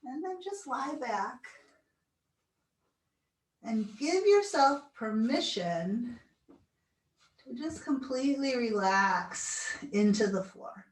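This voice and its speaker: A woman guides a relaxation session at a very slow, unhurried pace. Her delivery is gentle and soothing, with an average pitch. She sounds set back from the microphone in an echoey room. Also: lively intonation. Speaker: yoga relaxation instructor. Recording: roomy echo, distant mic, video call recording.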